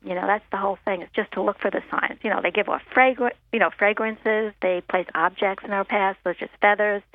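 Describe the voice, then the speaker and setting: A woman's voice: medium pitch, steady tone, a little fast, dry recording. A woman medium speaking as an interview guest, earnest and reassuring, often saying "you know". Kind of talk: phone-in interview. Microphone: telephone. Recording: narrow telephone line.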